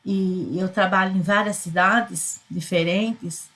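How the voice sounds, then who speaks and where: A woman's voice: mid-range voice, steady tone, slow pace, fairly bright tone. A middle-aged woman with a Brazilian Portuguese accent, a psychoanalyst giving a conversational motivational talk, repeating herself and ending lines with tag questions. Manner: repetitive, tag questions, many fillers. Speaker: psychoanalyst and spiritual speaker.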